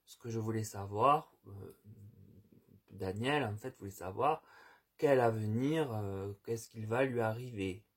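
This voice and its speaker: A man's voice: unhurried, breathy edge. A man reading tarot cards in a casual, hesitant way, with many fillers and restarts, and giving earnest advice. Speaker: tarot reader. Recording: quiet, low-level voice.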